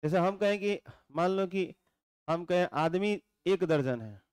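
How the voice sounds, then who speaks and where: A male teacher, giving a chemistry lecture, explaining slowly and repeating points while quizzing his students. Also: high voice, expressive, clean tone, no room sound. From India.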